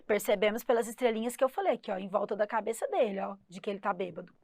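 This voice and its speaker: A woman's voice: mid-range voice, rapid-fire, a little mellow, no room sound. A woman with a Brazilian accent, an English teacher running an exam-prep lesson. She explains step by step, asks the class rhetorical questions and refers to herself as the teacher.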